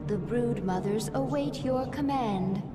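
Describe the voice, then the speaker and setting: A woman's voice: on the high side, a little slow, over loud music, natural voice. A woman voicing a dutiful female alien servant who reports formally in a video game. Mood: dutiful, urgent.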